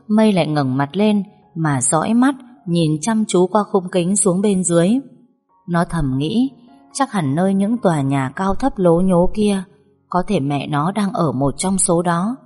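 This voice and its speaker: A woman narrating a dramatic story in a calm, measured, emotive way. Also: lowish voice. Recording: long hall reverb.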